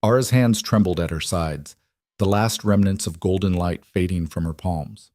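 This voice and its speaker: A man giving scripted story narration in an even, dramatic storytelling manner. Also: low-pitched, normal speed, dry recording, studio quality.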